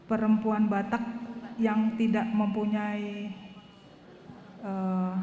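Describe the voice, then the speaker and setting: A woman's voice: mid-range voice, a little mellow. A woman from the audience asking a long question at a church talk, earnest and hesitant, full of fillers. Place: church hall. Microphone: handheld wireless mic. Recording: echoey hall with long reverb.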